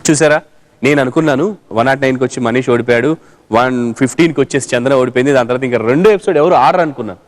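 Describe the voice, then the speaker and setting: A man's voice: mid-range voice, rapid-fire. A man hosting a TV quiz show, teasing a young contestant playfully and reading out contest instructions announcer-style. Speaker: game show host.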